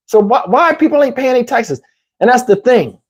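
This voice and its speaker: Extremely high-pitched and husky, this man's expressive voice moves fairly quickly as he hosts a casual YouTube livestream. He has a Southern US accent, rambles with "you know what I'm saying," and sounds worn out, with a parched throat.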